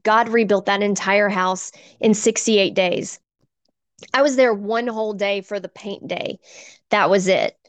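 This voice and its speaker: A woman's voice: mid-range voice, steady tone, a little slow, no room sound. A middle-aged woman, a church volunteer sharing an earnest, emotional personal testimony. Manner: earnest, emotional, gets choked up.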